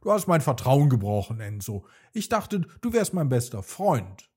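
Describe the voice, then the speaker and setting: A man's voice: mid-range voice, sing-song, normal speed, a little mellow, breathy edge. A man voicing a curious, playful young male cat in a bedtime story, speaking with feeling. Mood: hurt. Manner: indignant, then forgiving.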